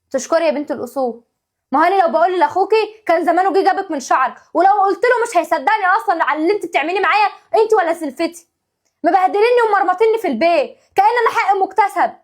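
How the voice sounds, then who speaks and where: A woman with an Egyptian accent playing a put-upon young wife and mother in a family sketch, talking in an exasperated, pleading way. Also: extremely high pitch. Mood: aggrieved. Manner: exasperated, pleading, quick rapid-fire talk. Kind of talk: home-video family sketch acting.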